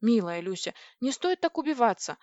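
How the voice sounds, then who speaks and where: A woman reading the part of a giant male alien who speaks softly and formally, in a dull, dry audiobook recording. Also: fairly high pitch, big pitch swings, normal speed, no room sound. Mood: gentle, courteous. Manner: soft, polite, formal.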